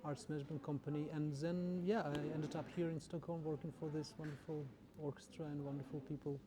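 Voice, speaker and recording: A Czech-raised man who is an orchestra's general manager answers interview questions haltingly, repeating many words. His voice is on the high side with little pitch movement, against a noisy background.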